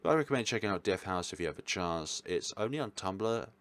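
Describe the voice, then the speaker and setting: Fast and expressive, this games-reviewing video host has a deep, somewhat bright voice. His tier-list commentary is casual and rambling, with self-corrections as he goes.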